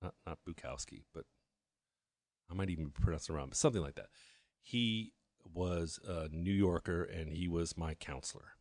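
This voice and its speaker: A man in his fifties, a guest telling his story candidly in a halting way that often restarts with repeated words. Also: low voice, dry recording. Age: 50s.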